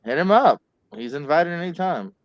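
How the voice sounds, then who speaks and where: A man's voice: on the high side, animated, normal speed, highs cut off. A man competing in a trivia match, joking around and upbeat about his answers. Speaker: trivia contestant. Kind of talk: casual chat.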